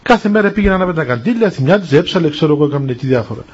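A man, a monastic elder, giving a spiritual talk and telling stories with acted-out dialogue in an unhurried way. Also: on the high side, expressive, darkish tone, husky. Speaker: monastic elder answering questions. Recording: dull lo-fi recording.

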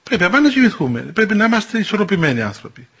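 An older man, an Orthodox elder and confessor, giving a spiritual talk that answers questions in a folksy, animated way and chuckling at his own stories. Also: sits high, husky. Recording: dull lo-fi recording.

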